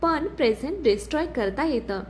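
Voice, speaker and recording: A woman voicing a calm, cold obsessive man. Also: high voice, normal speed, a little hiss or hum. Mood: taunting. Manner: soft, calm, taunting delivery.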